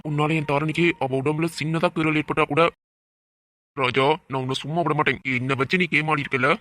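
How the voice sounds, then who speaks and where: An earnest, protective young hero doctor from a cartoon, played by a man. He talks fast in a slightly high voice. The sound is bright and sharp. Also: dry recording. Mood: angry. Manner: affectionate then angry, earnest. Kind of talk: cartoon voice acting.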